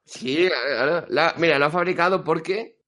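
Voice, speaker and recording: A man's voice: fairly high pitch, moderate pace, pushed and bright. A man with a Castilian Spanish accent chatting casually in a foul-mouthed, joking way. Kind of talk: casual chat.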